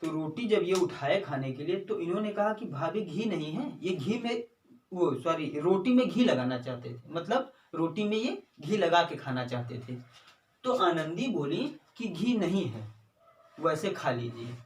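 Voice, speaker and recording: A man teaching exam students, his voice sitting a bit high for a man. He talks through the material slowly and in a repetitive way, going back to fix his own slips. He is heard from a distance in a roomy, echoing space. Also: slight background noise. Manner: repetitive, self-correcting explanation. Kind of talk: retelling a story summary for exam preparation.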